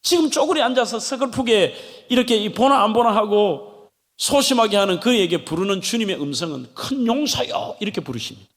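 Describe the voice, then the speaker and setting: A male pastor preaching a sermon in a church, delivering it in an animated way with dramatic turns. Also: sits high, brisk. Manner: animated preaching, acting out pleading voices of biblical figures. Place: church sanctuary. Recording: long hall reverb of a church.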